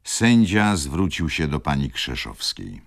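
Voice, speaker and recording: A man, an actor, giving an expressive, theatrical reading of a novel for radio. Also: very deep voice, slow pace, creaky. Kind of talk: scripted narration, radio reading.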